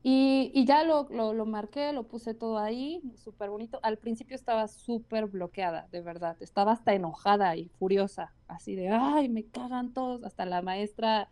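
A woman's voice: medium pitch, normal speed, few pauses, warm tone. A woman with a Mexican Spanish accent talking casually and earnestly about her own experience, with lots of fillers. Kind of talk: casual conversation.

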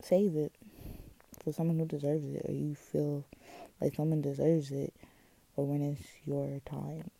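Low, very mellow woman talking with a retainer. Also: little pitch movement, a little slow, gravelly, long pauses, rough recording. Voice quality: slightly off articulation from wearing a retainer. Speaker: solo podcast host. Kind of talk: casual, candid monologue with slang and swearing.

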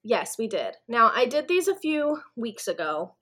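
A young woman with a fairly high voice co-hosts a casual podcast. She is chatty, laughs a lot and swears offhandedly. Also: big pitch swings, a little slow, fairly bright tone. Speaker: podcast co-host.

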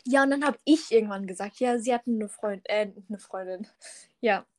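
A teenage girl telling a story in casual chat, lively and teasing, acting out what other people said. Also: mid-range voice, normal speed.

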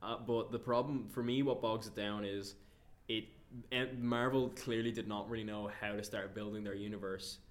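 A man's voice: fairly low pitch, steady tone, normal speed. A man co-hosting a casual film review chat, rambling and swearing freely. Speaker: podcast co-host.

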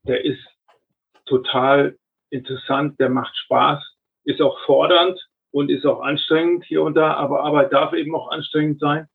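An older man, a retired airline captain, giving measured advice in an interview, often restarting his sentences. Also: fairly high pitch, fairly even intonation, gravelly, breathy edge. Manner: measured, advisory, frequent restarts. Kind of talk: reflective interview answers. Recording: narrow phone-like line.

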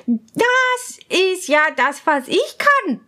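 A spoiled young princess from a fairy tale, piping high and loud as she orders people about, as a woman reading the story puts her on. Her voice is bossy and imperious, and she drags out her words slowly. It is storybook reading with a strong put-on voice. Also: sing-song, faint music behind, full character voice. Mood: haughty.

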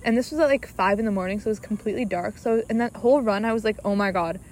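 A woman's voice: a little high, rapid-fire, darkish tone, slight background noise. A young woman from Alaska chatting casually on a podcast, playful and full of "like". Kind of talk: casual chat.

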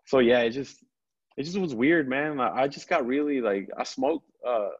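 A mid-range male voice with a breathy edge and a lisp comes through dull video-call audio. He's a comedian and film director appearing as a podcast guest, telling slangy stories in casual chat. His delivery halts and rambles, full of slang and swearing.

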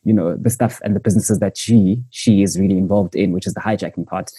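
A man's voice: deep voice, fairly even intonation, quick pace, dark tone, slightly rough, no echo. A man hosting a podcast in a casual, conversational style. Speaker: podcast host. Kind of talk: casual chat, reviewing a TV series.

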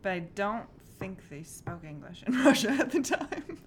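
Crowd noise sits behind this podcast co-host, a woman of medium pitch speaking at normal speed. Chatting casually, she narrates a mystery story with lots of laughter and animated energy.

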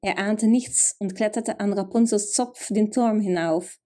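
A woman narrating a fairy tale, gently addressing the listener directly. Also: medium pitch, steady tone, unhurried. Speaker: storyteller.

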